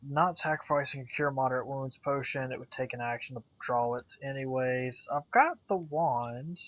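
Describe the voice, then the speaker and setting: A man's voice: medium pitch, normal speed, fairly bright tone, a little hiss or hum. A man chatting casually as a player in a tabletop role-playing game. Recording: dull, muffled sound.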